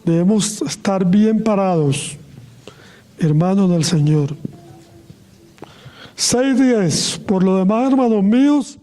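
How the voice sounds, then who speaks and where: Middle-aged guy preaching, high but mellow voice, slows and drops at phrase ends. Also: animated. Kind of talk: sermon.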